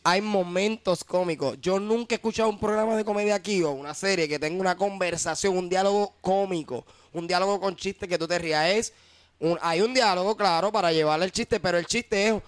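A man's voice: high-pitched, a little fast, clear, resonant tone, no echo. A man with a Puerto Rican accent in casual chat, opinionated. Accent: Puerto Rican Spanish.

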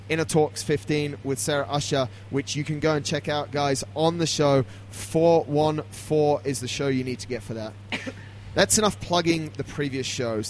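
Male podcast host. Slightly high pitch, casual and jokey, matey delivery over a noisy background.

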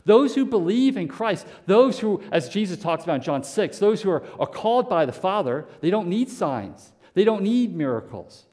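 A man's voice: high-pitched, very animated, normal speed, few pauses, dark tone, long reverb tail. A male pastor preaching a sermon, asking rhetorical questions and repeating words as he restarts. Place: church sanctuary.

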